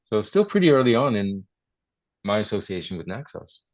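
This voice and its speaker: An older man speaks in a low register, captured dry and close with almost no room sound. He chats easily as an interview guest, chuckling and correcting himself as he tells stories about his recording work. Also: very animated, normal speed, a little mellow, dry recording. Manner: chatty storyteller, chuckles, self-corrects. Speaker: guest, guitarist and recording producer. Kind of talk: relaxed interview conversation. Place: his home.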